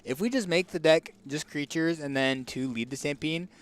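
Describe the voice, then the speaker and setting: A streamer with a raspy, hoarse voice and a tickly throat casually comments on a card game as he picks cards. His pitch is fairly high and his speed normal, and he thinks aloud with fillers and restarts.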